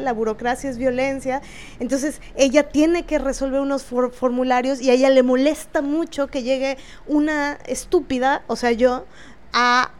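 A woman with a Mexican Spanish accent, telling an angry first-person account in an indignant way, swearing freely and pausing on fillers. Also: high voice. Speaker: vlogger.

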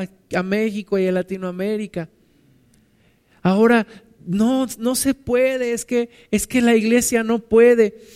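A man preaching a sermon as a pastor, dropping to a hush and then rising loud. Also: high voice. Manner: dramatic, swings between hushed and loud.

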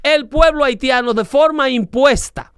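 Dominican accent, high voice, smooth tone, emphatic, repetitive, lecturing. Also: measured pace, a bit bright, no echo, studio quality. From Dominican Republic. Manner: emphatic, lecturing, repeats phrases for stress. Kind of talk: casual political chat.

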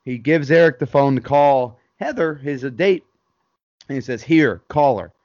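A man co-hosting a casual podcast chat about a sitcom episode, relaxed and laughing often, calling his friend "man" and "dude". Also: medium pitch, unhurried, no room sound, lo-fi sound. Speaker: podcast co-host.

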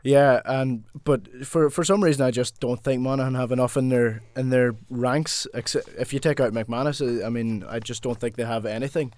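A man's voice: medium pitch, fairly even intonation, moderate pace, few pauses, darkish tone, no room sound. A man from Donegal with a Donegal Irish accent hosts a casual sports discussion, often repeating words as he goes. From Donegal, Ireland. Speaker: podcast host.

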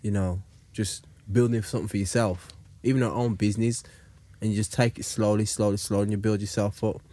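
A man's voice: lowish voice, little pitch movement, brisk, dark tone. A young man with an urban London roadman accent in casual podcast discussion, speaking emphatically and repeating phrases to make his point. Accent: London, urban roadman slang.

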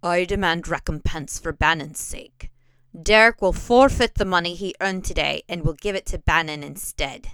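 A woman voicing a serious older male mage mentor who speaks gravely and measuredly. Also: high voice, normal speed, sharp tone, dry recording.

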